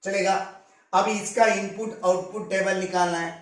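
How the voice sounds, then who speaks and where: A man's voice: sits high, steady tone, normal speed. A man teaching a maths lecture step by step, often stopping to check that students follow. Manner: explains step by step, asks checking questions. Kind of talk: classroom lecture. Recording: echoey room, distant mic.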